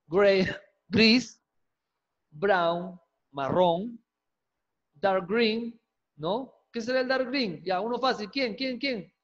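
A man teaching an English class online, lively and coaxing, quizzing students with quick questions and jokes. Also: sits high. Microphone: video call. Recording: dull lo-fi video call audio.

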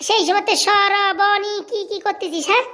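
A shrill nagging wife. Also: fairly even intonation, pushed and bright. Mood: scolding. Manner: scolding, mocking, fast-talking. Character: nagging shrill village wife of a poor priest. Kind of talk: comic cartoon voice acting.

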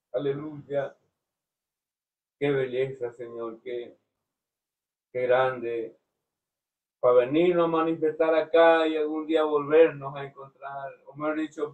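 Slow, fervent man, off-mic. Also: on the high side, recorded from a distance, highs cut off. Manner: fervent, slow, frequent "Señor" interjections. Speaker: church member giving testimony. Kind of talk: devotional testimony.

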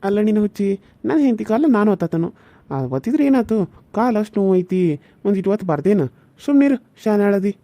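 A woman voicing a gentle young village husband in a cartoon serial, earnest and pleading, with a North Karnataka accent. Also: medium pitch, lively intonation, quick pace, close to an everyday voice. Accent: North Karnataka Kannada.

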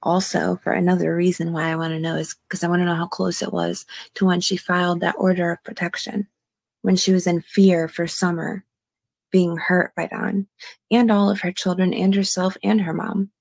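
A woman's voice: on the low side, level tone, moderate pace, gravelly, a little mellow, no echo. A woman commenting on a true crime case, reading out a call and hedging her views with "in my opinion.". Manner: hedging, often adds "in my opinion".

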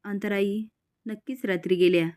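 A woman's voice: mid-range voice, steady tone, normal speed, a little mellow, clean tone, close to an everyday voice. A woman voicing a timid young household woman in a serial recap. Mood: anxious. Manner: plainly read dialogue.

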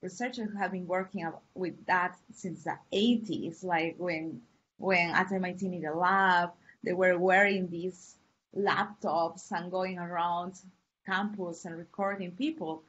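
A woman's voice: lowish voice, steady tone, a bit bright, a little hiss or hum. Woman from peru teaching online, easygoing, lots of uh's, muffled call audio. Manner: friendly, unhurried, pauses with fillers. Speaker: lecturer. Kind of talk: online lecture. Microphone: computer mic on a video call.

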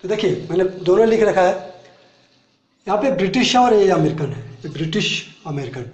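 A man teaching an English lesson in a classroom, explaining words one by one and repeating them slowly. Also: sits high, lively intonation, darkish tone, reverberant.

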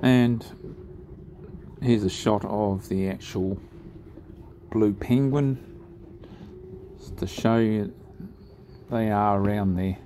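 A man narrating his sailing trip over drone footage in a relaxed, unhurried way, with frequent ums and pauses. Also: lowish voice, slight background noise.

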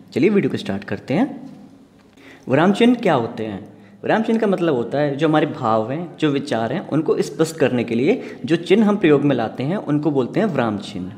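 Man, teacher, exam revision lesson, question-and-answer delivery, animated pitch, reverberant hall. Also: brisk. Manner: asks questions then answers them.

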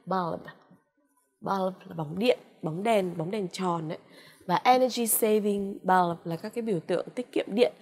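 Woman, Vietnamese accent, English teacher; drawn-out word drills, patient coaxing delivery with "ok" fillers. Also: medium pitch, darkish tone, slightly rough. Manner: slow, drawn-out repetition of English words; frequent "ok" and "à" fillers, coaxing "đúng không ạ?". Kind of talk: vocabulary lesson with pronunciation drills.

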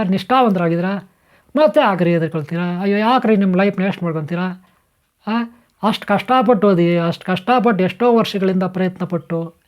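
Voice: medium pitch, a little mellow. A channel host giving a motivational spiritual advice talk, emphatic and repetitive, speaking straight to the listener. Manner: emphatic, repeats phrases, addresses listener directly.

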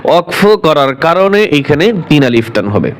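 A man teaching Quran recitation, explaining the rules quickly and then reciting the verses slowly and drawn out. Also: a little high, sing-song. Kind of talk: step-by-step recitation lesson.

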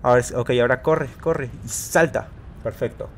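A man's voice: medium pitch, normal speed, slight background noise. A man casually commentating his gameplay, talking himself through each move and yelping repeated words when in danger. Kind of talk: casual let's-play commentary.

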